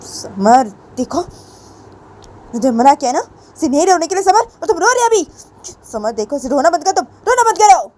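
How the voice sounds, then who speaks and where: A woman's voice: fairly low pitch, brisk, mellow, slightly rough. A woman voicing a male teacher who firmly tells his student what to do, repeating herself. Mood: scolding. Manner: firm, repeats commands. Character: bossy male teacher, scolding then coaxing.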